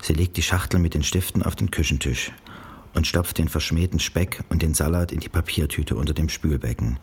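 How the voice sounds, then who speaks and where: A man reads literary prose aloud in calm, measured narration. His voice sits very low. It has a husky, breathy grain. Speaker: audiobook reader. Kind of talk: literary reading.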